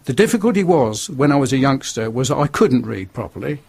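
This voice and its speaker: A man's voice: medium pitch, big pitch swings, fairly quick, vocal fry, darkish tone, breathy edge. An older man with a northern English accent, telling his life story earnestly as a radio guest. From northern England. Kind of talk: testimony in a radio interview.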